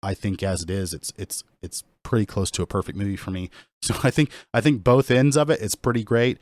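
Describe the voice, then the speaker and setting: A man's voice: lowish voice, fairly even intonation, fairly quick, a little mellow, no room sound. A man co-hosting a casual podcast, talking in an enthusiastic, rambling way with lots of restarts. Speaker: podcast co-host. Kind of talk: casual chat.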